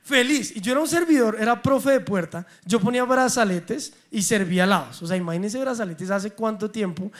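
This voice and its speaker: A young man with a Colombian accent preaches with a fairly high voice. He tells personal stories in an animated, humorous way, acting out dialogue as he goes. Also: a little fast, hardly any pauses.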